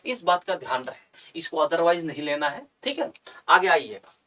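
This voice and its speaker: A man's voice: a little high, very animated, moderate pace, pushed and bright. A man teaching an online exam-prep history lesson, quizzing students and repeating each point.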